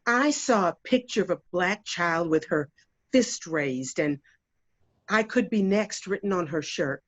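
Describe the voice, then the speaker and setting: A fairly low woman's voice speaks sincerely and haltingly as a home resident. with dry, close, slightly dull sound. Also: lively intonation, no room sound.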